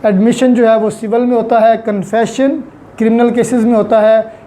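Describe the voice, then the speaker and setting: At a moderate pace, a woman with a mellow, somewhat high voice and level tone gives a teaching-style law lecture. Urdu-Hindi is her base language, with English legal terms woven in, and she repeats key phrases for emphasis.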